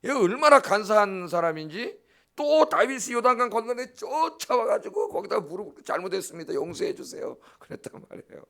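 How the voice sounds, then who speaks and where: A man's voice: extremely high pitch, lively intonation, a little fast, fairly bright tone. A middle-aged man, a pastor preaching a dawn service sermon in an emphatic, blunt way, often checking in with the congregation. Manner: blunt, scolding asides.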